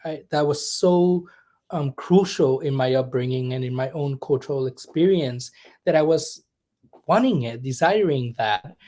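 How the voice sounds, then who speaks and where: A young Puerto Rican man who works as a humanist chaplain speaks in a conversational interview, reflective and searching, with many pauses and asides. His voice is medium-pitched and dark in tone.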